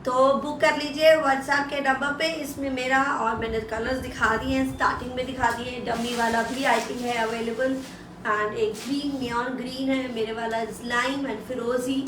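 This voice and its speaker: Selling women's clothing on a live online stream, this high-voiced Indian woman talks unscripted and casually, her intonation fairly even and her speed normal. Her patter switches between Hindi and English, and she repeats prices and details to nudge viewers into buying. Her mic sits at a distance, giving a roomy, echoing sound with faint noise underneath.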